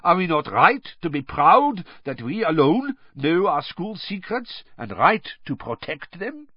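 A man voicing a cold, sly older male headmaster who talks in a smooth, mocking way. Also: on the high side, very animated, unhurried, dry recording, lo-fi sound, pitched above the performer's own voice, heavily acted. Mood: proud. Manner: smooth, mocking, forced laugh.

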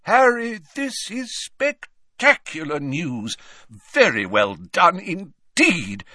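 A man voicing a wise, kindly old headmaster wizard who speaks gently and measuredly. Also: high voice, big pitch swings, takes it slowly, dry recording, studio quality, pitched above the performer's own voice, full character voice.

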